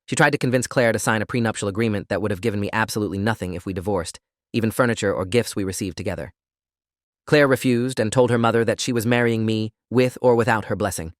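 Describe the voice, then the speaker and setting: A man narrating a scripted first-person story in a steady, even reading voice. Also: lowish voice, no echo, clean studio sound.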